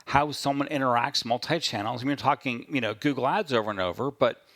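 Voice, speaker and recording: A man talking shop as a podcast guest, wry and quick, often checking in with "right?". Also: mid-range voice, fairly bright tone, no echo. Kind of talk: casual conversation.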